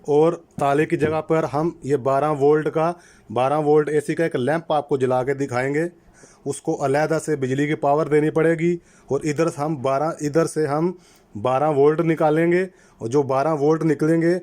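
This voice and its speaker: An electrician presenting a how-to channel walks through a product installation step by step, his slightly high voice carrying a darkish tone. Methodical and instructional, he repeats key terms so each step is clear.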